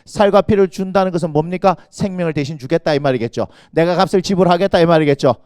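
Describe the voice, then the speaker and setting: A middle-aged man preaching a lively sermon as senior pastor, telling stories in an animated way and acting out quoted voices with sudden shouts. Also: on the high side, quick pace, smooth, no room sound, clean studio sound. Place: church sanctuary.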